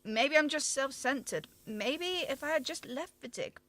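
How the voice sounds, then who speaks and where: This amateur radio drama clip is very noisy, featuring a woman with a high-pitched, expressive voice speaking at a measured pace. She plays a guilt-ridden scientist and younger sister who blames herself, pleading in anguish and urgency.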